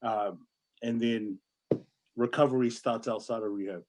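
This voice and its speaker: A man's voice: mid-range voice, steady tone, measured pace, darkish tone, a little hiss or hum. A man in his late forties with a New Zealand accent, chatting candidly and earnestly as a podcast guest, often repeating phrases for emphasis and saying "bro". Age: late 40s. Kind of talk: casual, candid personal chat.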